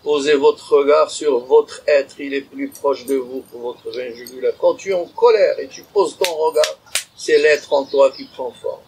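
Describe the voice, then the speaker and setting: A man giving a spiritual conference lecture, animated and acting out little inner dialogues while calling his listeners habibi. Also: fairly high pitch, measured pace, slight background noise, rough recording. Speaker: conference speaker.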